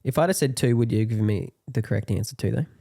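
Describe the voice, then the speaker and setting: A man co-hosting a podcast in casual banter, wry and quick to argue. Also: medium pitch, vocal fry, dark tone. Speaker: podcast co-host.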